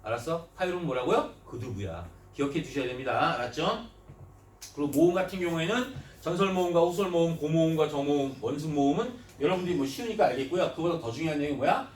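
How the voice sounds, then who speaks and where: A man's voice: on the high side, expressive, fast. A man teaching a grammar class, often checking in with his students through short questions and moving between polite and casual speech. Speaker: Korean language teacher. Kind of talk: classroom lecture. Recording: echoey room, mic at a distance, faint noise.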